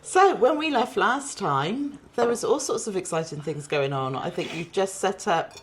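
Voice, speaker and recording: A woman's voice: mid-range voice, expressive, moderate pace, a little hiss or hum. A woman co-hosting a podcast in casual chat, encouraging and teasing, agreeing often and laughing along. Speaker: podcast co-host.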